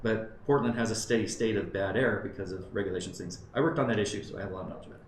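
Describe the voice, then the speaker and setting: Fairly low-pitched and very fast, a man in his fifties from Southern California delivers a conversational conference talk to a live audience, regularly checking in and thinking aloud. The conference-room recording is roomy, with faint background noise.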